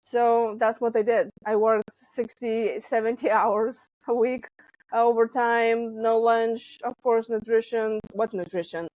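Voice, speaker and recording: A Lithuanian woman in her forties, a stress management coach and podcast guest, tells her story animatedly in a Lithuanian accent, with laughs and acted-out quotes. Her voice is on the high side at a measured pace, and the recording is rough with no room sound.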